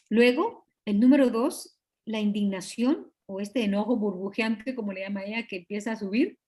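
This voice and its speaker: A woman, a pastor's wife, teaching a Bible study over a video call with a Guatemalan Spanish accent, earnest and confiding, often clearing her throat. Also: medium pitch, measured pace, a little mellow. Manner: earnest, confiding, acts out quoted dialogue.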